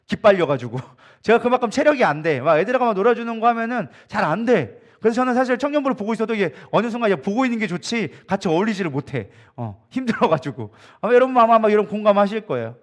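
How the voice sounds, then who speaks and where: Male pastor preaching fast, lively joking stories, acts out quotes. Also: high-pitched. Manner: animated, joking storytelling with acted quotes. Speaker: co-lead pastor. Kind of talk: sermon at an evening prayer meeting. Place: church sanctuary.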